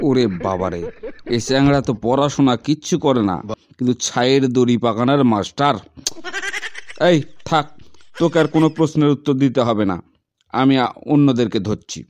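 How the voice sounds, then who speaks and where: A man's voice: mid-range voice, fairly quick, a little mellow, slight background noise, natural voice. A man voicing an exasperated, scolding schoolmaster in a comedy cartoon, theatrical. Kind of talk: comic cartoon dialogue.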